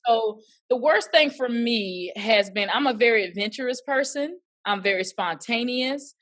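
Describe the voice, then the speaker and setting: Speaking at normal speed in a slightly high voice, an actress chats casually as an interview guest. Her stories are lively, and she voices the people she quotes.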